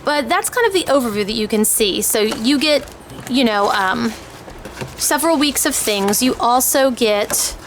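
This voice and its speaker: A homeschooling parent reviews language kits, her voice on the high side and a bit bright. She gives a casual, explanatory product overview in an informal, hesitant way, as if thinking aloud, with clear background noise.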